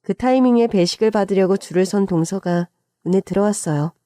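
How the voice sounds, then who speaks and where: A woman's voice: medium pitch, brisk, dark tone, no room sound, clean studio sound. A woman narrating a scripted story in the first person, in a chatty, confiding way.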